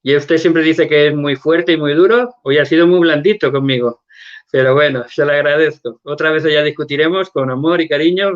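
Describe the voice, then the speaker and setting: A man from Valencia speaks as a guest on an online call, earnest and searching, doubling back on his words. His mid-pitched voice comes through dull, lo-fi audio. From Valencia, Spain. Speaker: guest apologist. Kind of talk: online interview, testimony.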